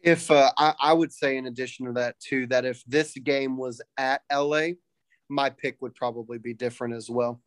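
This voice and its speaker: A male podcast co-host at an average pitch who talks in a halting way, working through his thoughts as he goes. The sound is close and dry. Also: fairly even intonation, no echo. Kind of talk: casual podcast chat.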